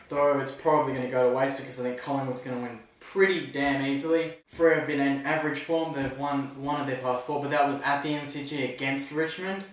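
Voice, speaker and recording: A man's voice: medium pitch, recorded from a distance. An Australian man previewing the football round in a casual, opinionated way, cracking jokes at his own expense. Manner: opinionated, self-mocking jokes. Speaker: footy tipster vlogger. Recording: echoey room, voice from the mic.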